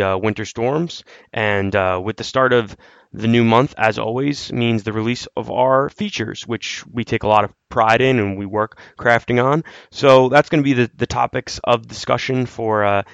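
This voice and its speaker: A man's voice: mid-range voice, a bit bright, clear, resonant tone, no echo. A man hosting a podcast in a conversational style, introducing topics and putting questions to his co-host. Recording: dry, dull lo-fi audio.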